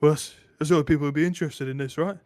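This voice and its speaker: A man's voice: a little high, fairly even intonation, very fast, a little mellow, dry recording, soft background music, natural voice. A man playing a captured, crude dock guard who swears and pleads defensively in a tabletop game. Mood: defiant.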